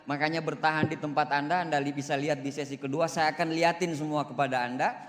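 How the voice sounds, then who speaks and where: A high-voiced man holds forth in a reverberant hall. He is animated and boastful, joking with his audience and swinging between loud and soft. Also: fast. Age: 40s. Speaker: motivational speaker. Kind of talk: seminar success talk. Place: large hall.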